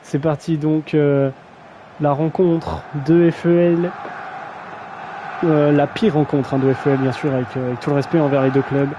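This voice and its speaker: A man's voice: fairly high pitch, flat delivery, normal speed, noisy background. Slangy young man commentating a match. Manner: slangy, self-mocking, stumbles over names. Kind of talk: casual live-stream match commentary.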